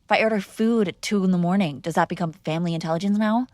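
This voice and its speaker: Speaking quickly in a fairly low, slightly mellow voice close to an everyday one, a woman portrays a mob boss's spoiled, defiant daughter in an intimate ASMR girlfriend roleplay of one-sided dialogue. Close to the mic in a dry recording, she teases and snipes sarcastically in a conversational way, sounding indignant and challenging.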